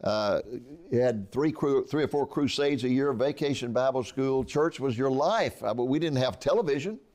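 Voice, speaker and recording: A man in his eighties, a guest author discussing his book in a conversational interview, speaks with a mid-range, slightly mellow voice at normal speed. He is earnest and tends to restart what he says.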